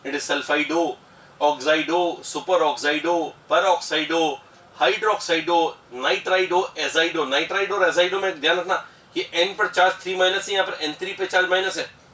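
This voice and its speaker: Guy teaching chemistry, high voice, keeps quizzing the class and repeating stuff, roomy echo, mic off at a distance. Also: steady tone, normal speed, pushed and bright. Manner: addresses students as "beta", repeats terms, asks and answers own questions. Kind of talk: classroom lecture mixing Hindi and English. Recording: echoey room, far from the mic.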